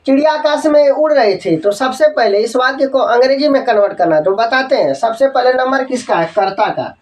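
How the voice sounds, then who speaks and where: A man teaching an English grammar lesson, dictating example sentences slowly, spelling words letter by letter and checking that students follow. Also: very high-pitched, lively intonation, distant mic, rough recording. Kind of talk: Hindi-medium grammar lesson.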